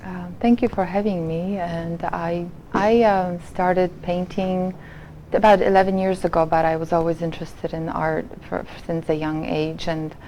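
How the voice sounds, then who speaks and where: A woman from Poland, a painter and nurse, talking softly and haltingly in a casual interview. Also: lowish voice, flat delivery, slight background noise, low-quality recording. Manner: soft-spoken, halting, with fillers and restarts.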